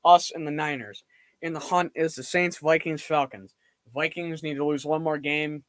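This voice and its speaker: Walking around on his feet during a casual home live stream, a young man keeps wandering toward and away from the microphone. His voice is on the high side and steady, at a moderate pace with no echo, and he rambles and reacts loudly to plays.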